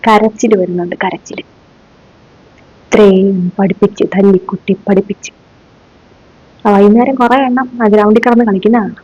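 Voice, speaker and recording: A woman's voice: medium pitch, steady tone, moderate pace, long pauses, darkish tone, no echo, lightly acted. Woman playing a scolding sarcastic schoolteacher. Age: middle-aged. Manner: scolding, mocking rhetorical questions. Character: stern sarcastic middle-aged female schoolteacher. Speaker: sketch comedian. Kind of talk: comic monologue sketch. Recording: dull dry lo-fi recording.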